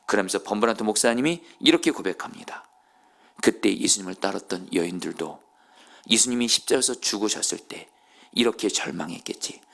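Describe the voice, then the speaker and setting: A man preaching a sermon as pastor at a Friday evening church service. He tells a story and speaks straight to the congregation, dropping to hushed near-whispers and then rising to loud, impassioned appeals. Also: lowish voice, brisk, creaky. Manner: storytelling, addresses the congregation directly.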